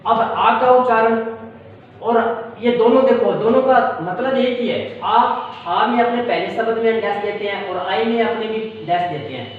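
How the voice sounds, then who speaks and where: A man's voice: sits high, normal speed. A man teaching a shorthand tutorial, patient and repetitive, often checking that students understand. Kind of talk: classroom-style tutorial. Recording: echoey, distant, dull with faint hiss.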